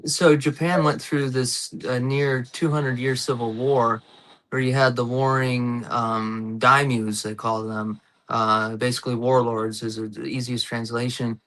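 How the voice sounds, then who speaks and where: A man's voice: mid-range voice, flat delivery, unhurried, fairly bright tone. A man in his thirties hosting a casual political talk show, eager and given to nerdy history digressions with lots of fillers. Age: 30s. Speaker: host.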